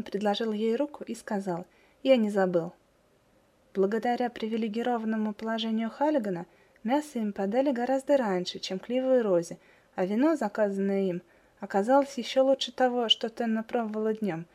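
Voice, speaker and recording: A woman reading a novel aloud in measured, clear storytelling narration. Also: on the high side, mellow. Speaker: audiobook narrator. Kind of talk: scripted narration.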